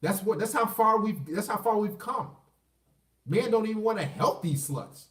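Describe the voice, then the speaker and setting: A man's voice: high-pitched, animated, moderate pace, fairly bright tone. A man ranting to camera in a blunt, crude and repetitive way, often restarting his phrases. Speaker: vlogger. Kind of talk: casual rant to camera. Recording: echoey room, voice far from the mic.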